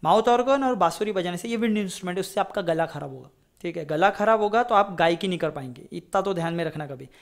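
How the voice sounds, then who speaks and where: A man's voice: high voice, lively intonation, quick pace, gravelly. A man teaching a casual flute lesson, chatty and rambling, often checking in with his students. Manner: chatty, rambling, digresses into advice; repeats "ठीक है?" to check in. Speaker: music teacher.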